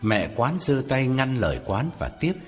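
Male narrator, audiobook, wildly varied pitch, long reverb, music under. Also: very animated, measured pace.

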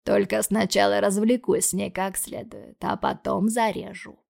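A crude male debt collector, put on by a woman reader, lowering her voice into a slow, taunting drawl. The tone carries a gravelly edge and is meant to menace, in an audiobook scene. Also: little pitch movement, darkish tone. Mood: menacing sneer.

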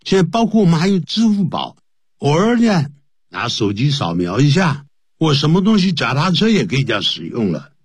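A man's voice: fairly high pitch, husky, no room sound. A man teaching English on the radio, explaining phrases in Chinese and spelling words out letter by letter.

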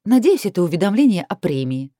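A woman voicing a feisty, sharp-tongued young heroine who speaks sarcastically. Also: on the low side, big pitch swings, fast talker, dry recording, studio quality. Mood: playful. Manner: sarcastic, emphatic.

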